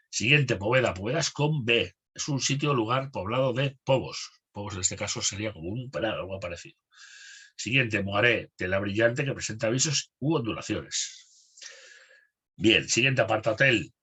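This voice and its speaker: A man teaching a spelling lesson for an exam course, reading words and definitions one after another in a steady list, with a Spanish accent from Spain. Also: lowish voice, brisk, husky.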